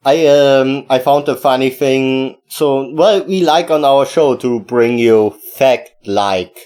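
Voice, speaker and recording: Crude joking Finnish podcast host. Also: male voice, medium pitch, slow, a little mellow. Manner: crude, joking, lists plugs in a sing-song. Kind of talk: casual podcast banter.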